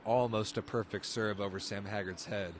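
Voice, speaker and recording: A man's voice: on the low side, normal speed, slight background noise. A man calling a volleyball match live, play-by-play, his voice jumping up on big plays. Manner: excitable, voice jumps up on big plays. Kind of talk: live sports commentary.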